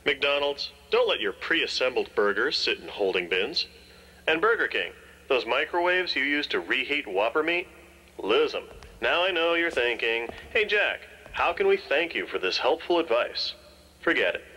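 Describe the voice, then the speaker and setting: A man's voice: mid-range voice, big pitch swings, moderate pace, bright, forceful tone, breathy edge, exaggerated voice. A man playing a smug, self-assured burger mascot in a scripted TV ad, speaking with sarcastic confidence. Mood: cocky. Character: cocky mascot, grown man with ball head, smug. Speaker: ad spokesman. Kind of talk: scripted TV ad spokesman.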